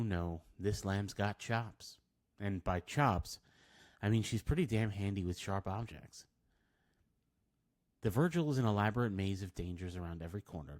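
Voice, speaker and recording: Very deep-voiced man reviewing a film. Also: a little mellow. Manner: wry, dry asides.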